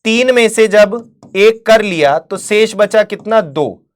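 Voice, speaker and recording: Mid-pitched woman teaching maths. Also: lively intonation, slow pace. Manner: asks the class questions and answers them herself; calls students "beta" and "mere bhai". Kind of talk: online exam-prep lecture.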